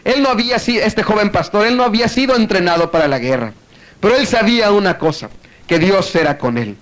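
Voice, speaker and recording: A man's voice: sits high, animated, fairly quick, a bit bright. A man preaching a sermon, telling a story and acting out echoes, often checking in with his listeners. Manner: storytelling, acts out echoes, frequent tag questions.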